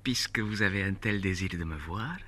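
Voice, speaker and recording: A man's voice: low-pitched, normal speed, bright, forceful tone. An actor playing an invisible male spirit messenger, secretive and loyal, in a 1960s radio drama.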